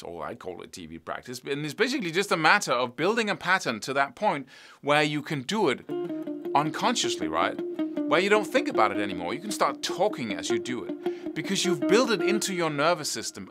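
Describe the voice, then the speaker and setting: Man, middle-aged, guitar teacher, casual spoken lesson, fairly high voice, scats rhythms, restarts sentences. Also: sing-song, brisk. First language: Danish. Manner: loose, repeats words and restarts, scats rhythms as "da da da".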